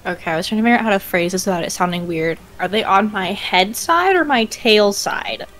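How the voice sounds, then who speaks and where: A woman's voice: medium pitch, animated, fairly quick, fairly bright tone, faint music behind. A woman chatting casually as a player in a tabletop game, describing her moves.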